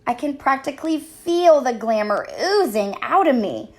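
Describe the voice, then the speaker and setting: A woman voicing a vain, excitable young female hamster who gets theatrical and wails when upset, in a read-aloud storybook. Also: high voice, normal speed, voice pushed up. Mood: glamorous, giddy.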